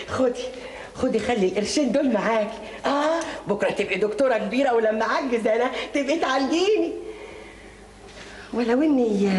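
An actress playing a middle-aged, loving widowed mother with an Egyptian accent, talking warmly and effusively. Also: a little high, slight background noise, natural voice. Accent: Egyptian Arabic. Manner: warm, effusive. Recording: roomy, strong music behind.

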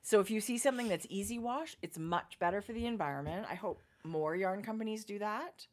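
A middle-aged woman chatting casually as a knitting podcast co-host, explaining her projects in detail with pauses and fillers. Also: mid-range voice. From Canada. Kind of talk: casual chat.

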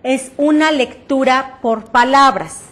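A woman's voice: high voice, takes it slowly, a bit bright. A woman teaching a reading-aloud workshop with a Mexican Spanish accent, explaining breathing and projection patiently and often checking that her class understood. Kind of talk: voice projection lesson.

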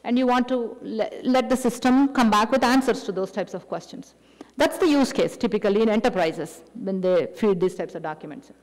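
A woman's voice: mid-range voice, animated, moderate pace, a little mellow. Indian-accented woman lecturing in a hall. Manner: explanatory, many fillers and restarts. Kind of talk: technical lecture. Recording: echoey hall with long reverb.

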